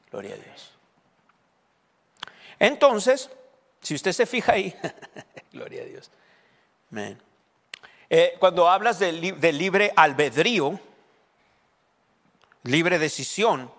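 A man preaches a teaching sermon in a fairly high voice that carries a long reverb from the hall. He stumbles and repeats words as he goes, often checking that his listeners are following. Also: a bit bright. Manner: halting, repeats words, asks the congregation questions. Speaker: pastor.

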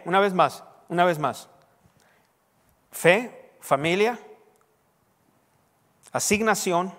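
A man's voice: high voice, fairly bright tone. A man preaching a sermon as pastor, teaching and quizzing his congregation with call-and-response questions. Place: church hall. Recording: long hall reverb.

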